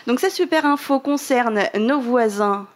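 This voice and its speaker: A woman from Normandy presents a news segment on a fan podcast in a playful, self-mocking way. Her voice sits fairly high, and she teases herself as she goes. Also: unhurried.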